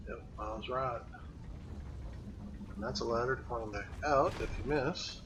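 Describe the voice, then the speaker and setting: A man's voice: medium pitch, unhurried, noisy background. A man playing a video game on a live stream, chatting casually and joking as he explores. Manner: playful, joking. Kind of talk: casual gameplay chat.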